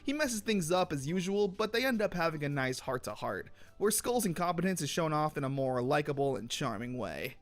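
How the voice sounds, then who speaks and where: Animated young man narrating a recap. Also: on the high side, a little fast, hardly any pauses. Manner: wry, sarcastic commentary. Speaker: host.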